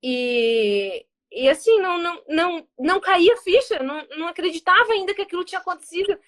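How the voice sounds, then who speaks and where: A woman with a very high, bright voice tells her story with lively energy. She acts out the voices of the people in it. She sounds like a guest in an interview. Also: fairly quick. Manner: animated, acts out quoted dialogue.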